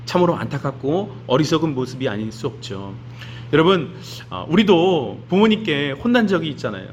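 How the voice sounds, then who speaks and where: A man's voice: on the high side, very animated, normal speed, dull audio, a little hiss or hum. Man preaching a children's sermon. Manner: storytelling, asks the children questions. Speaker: children's pastor. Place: church.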